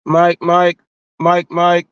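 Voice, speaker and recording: A man's voice: high-pitched, monotone, very slow, clear, resonant tone, no echo. A man hosting a live stream, doing mic checks over a glitchy connection that makes his voice sound robotic and frozen. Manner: repeats mic checks, calls off-screen helper. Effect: glitchy robotic call audio. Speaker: livestream host. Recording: dull lo-fi call line, dry.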